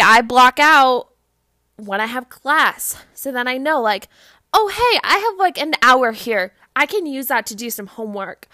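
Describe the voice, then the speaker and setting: A young woman hosts her own show and talks through motivational tips in a loose, chatty way, leaning on "like" as she goes. Her voice sits a little high and sounds bright and sharp. The recording is dry and close. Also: dry recording. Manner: chatty, fills talk with "like". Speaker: podcast host. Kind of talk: casual motivational talk.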